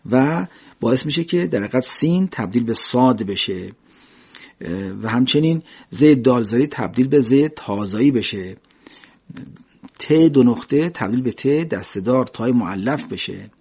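Man teaching Quran recitation, husky voice, patient step-by-step delivery, dull lo-fi recording. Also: medium pitch, darkish tone. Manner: patient, methodical explanation with slow demonstrated sounds. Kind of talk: religious lesson on pronunciation.

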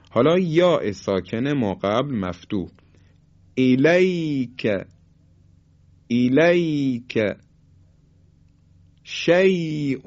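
Persian man teaching Quran recitation rules. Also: medium pitch. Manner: explains briskly, then stretches each example word slowly and forcefully. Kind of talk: tajwid lesson with slow demonstrations. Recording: dull lo-fi sound.

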